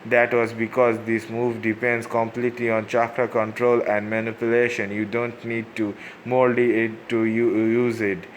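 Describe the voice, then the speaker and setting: A man voicing a cheerful, confident teenage boy ninja who mentors younger kids, read out haltingly. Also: medium pitch, flat delivery, slight background noise, close to an everyday voice. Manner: halting read-aloud delivery.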